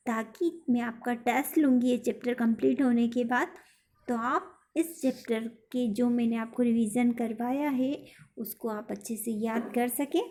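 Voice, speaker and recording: A woman teacher giving a recorded lesson to young pupils, repeating questions and reciting a poem slowly. She keeps checking with "ठीक है?". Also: a little high, a little mellow. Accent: Hindi. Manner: slow, repetitive, sing-song recitation with frequent "ठीक है?" checks.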